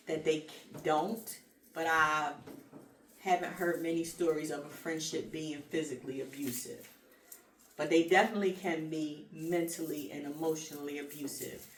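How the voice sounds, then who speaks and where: A low-pitched woman talks through advice in an earnest, unhurried way, leaning on small fillers. She sounds set back from the mic in an echoey room with a faint hiss underneath. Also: recorded from a distance. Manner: earnest, repeats points slowly with fillers. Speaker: podcast co-host. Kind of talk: casual advice chat.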